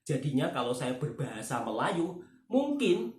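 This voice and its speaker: A man from Java, Indonesia, with a higher-side, sing-song voice and an unhurried Javanese-accented delivery. As a channel host, he chats earnestly and casually with a friend, often asking for agreement, in a recording made in an echoey room.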